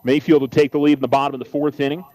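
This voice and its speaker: A man's voice: on the high side, level tone, very fast, a little mellow. American man giving baseball pregame commentary. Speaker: sports radio host.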